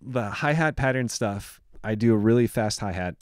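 A man's voice: lowish voice, moderate pace, no echo. A man who produces music, walking through his production in a casual, enthusiastic way, full of filler words, talking into a studio microphone. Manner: chatty and enthusiastic, many "like" fillers.

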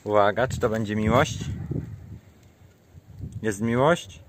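A man's voice: lowish voice, slow pace, slight background noise. A man vlogging outdoors on a small farm, chatting casually to the camera and coaxing his animals in a sing-song voice.

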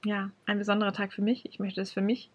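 A woman talking casually to her viewers in a vlog, chatty and reflective, often pausing on hesitation fillers. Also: medium pitch, completely flat delivery, slightly rough. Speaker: vlogger. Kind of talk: casual vlog talk to camera.

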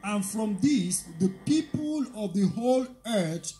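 A man reading Bible verses aloud during a sermon, steady and careful, calling out each verse number. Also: high voice, slow pace, soft background music, rough recording. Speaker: scripture reader.

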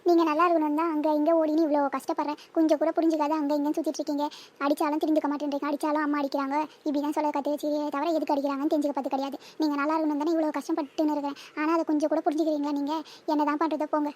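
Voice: high-pitched, level tone, rapid-fire, a little mellow, close to an everyday voice. A voice actor playing a village mother in a cartoon, lecturing her children at length. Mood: hurt, lecturing. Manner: scolding, lecturing. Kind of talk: cartoon voice acting.

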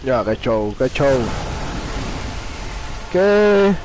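A man giving crude, excitable commentary while playing a video game, swearing constantly. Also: medium pitch, measured pace, background noise. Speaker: gamer. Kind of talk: casual gameplay commentary.

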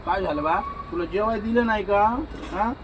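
A man's voice: sits high, moderate pace, background noise. A man vlogging casually outdoors in a village yard, chatting to viewers and coaxing his animals. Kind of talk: casual village vlog chat.

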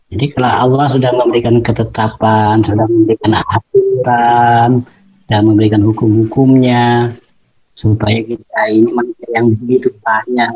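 A man explaining slowly and carefully over a remote call, his audio breaking up and cutting out. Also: medium pitch, slightly rough, muffled recording. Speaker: guest answering questions on Islam. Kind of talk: online group discussion.

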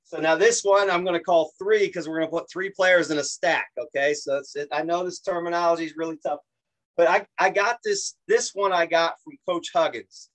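A basketball coach with a New York accent explains zone offense on a video call. His voice sits a bit high for a man, and he talks in an animated way, restarting phrases and joking at his own expense. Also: a little fast, poor audio. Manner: animated, repeats words, self-deprecating jokes.

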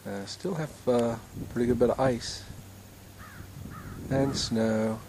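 Recorded outdoors on a handheld camera mic with background noise, an American man casually narrates his outing on a tidal creek. His medium-pitched speech is relaxed but halting, with many "uh" fillers.

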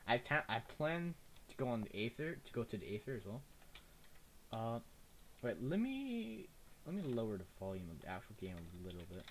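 Here a gaming YouTuber, a young man with a slight lisp, chats his way through a let's play in a rambling, easily distracted manner. The audio comes from a cheap desktop mic and carries faint noise.

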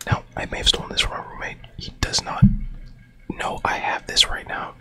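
A young man whispering quickly and repetitively in an ASMR style, very close to the mic. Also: pushed and bright. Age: young adult. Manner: whispering, repeating trigger words quickly. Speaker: ASMR host. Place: small bedroom, indoors. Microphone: large foam-covered mic, very close.

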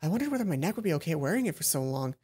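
A young let's play streamer reads through a visual novel on a headset mic over game music, making playful, stumbling asides. His voice is a little high, mellow and slightly rough, swinging widely in pitch as he talks very fast. He's self-mocking and trips over words.

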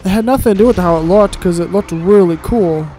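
A man's voice: sits high, fairly quick, warm tone, faint music behind, rough recording. A man giving casual, grumbling let's-play commentary while he plays, with sarcastic asides and casual swearing.

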